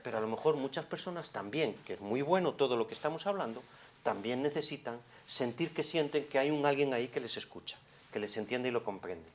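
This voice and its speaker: A man from gives a psychologist's lecture in a conference hall, speaking into a microphone. His delivery is expressive and full of rhetorical questions. It drops to near hushed tones, then rises to carrying emphasis. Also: mid-range voice, fairly quick. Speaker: psychologist giving a conference talk.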